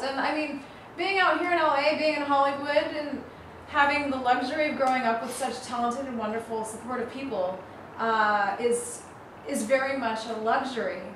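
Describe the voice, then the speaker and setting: A woman's voice: sits high, far from the mic. Reflective woman interviewer in an echoey room. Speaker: interviewer, magazine host. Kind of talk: casual interview chat. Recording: echoey room, voice from off-mic, noisy background.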